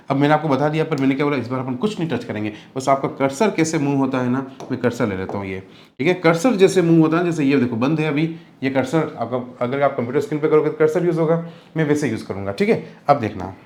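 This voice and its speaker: A man's voice: a little high, a little mellow, echoey room. A young man teaching a reasoning class, patiently repeating steps and quizzing his students.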